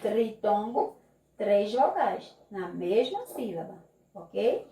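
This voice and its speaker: A woman teacher with a Brazilian Portuguese accent, giving a recorded lesson and explaining slowly and patiently, often checking in with "ok?". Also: mid-range voice, sing-song, dark tone. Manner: slow, patient, drawn-out classroom explaining with frequent "ok?" checks. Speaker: primary school teacher. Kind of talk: recorded remote class lesson. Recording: echoey room, mic at a distance.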